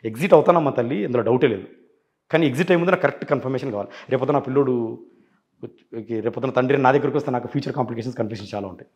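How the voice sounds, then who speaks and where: A man's voice: mid-range voice, racing, darkish tone. A man as an interview guest, telling his side insistently and acting out past phone calls. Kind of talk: rapid interview account.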